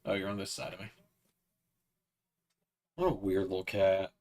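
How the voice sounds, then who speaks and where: Young male streamer, low-ish voice, casual chatty delivery, coaxing sing-song when addressing a pet. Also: steady tone, normal speed, a little mellow, slight background noise. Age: 20s. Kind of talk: casual livestream chat.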